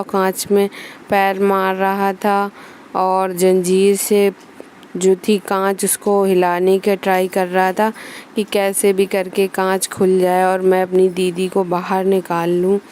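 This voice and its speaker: Slow, even-toned woman narrating a family vlog. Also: medium pitch, slight background noise. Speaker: family vlogger. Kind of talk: casual vlog voice-over narration.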